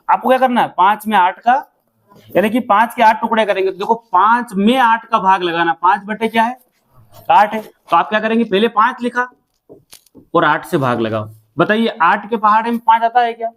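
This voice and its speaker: A man with a high voice takes a class through a maths problem step by step. He keeps asking his pupils questions and then answers each one himself. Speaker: maths teacher.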